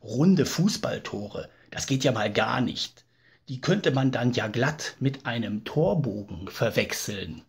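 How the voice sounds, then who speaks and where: A man runs through a scripted comedy dialogue, his speech slow and unhurried. He uses slangy street talk and stretches his words out, at a pitch that is neither high nor low. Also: lively intonation. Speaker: comedy sketch host.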